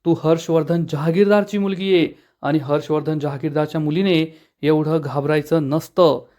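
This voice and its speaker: A man's voice: a little high, fairly even intonation, normal speed, a little mellow, lightly acted. Man doing a tough lawyer dad, stern and threatening, protective of his kid. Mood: stern tender. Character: fierce protective father, powerful lawyer.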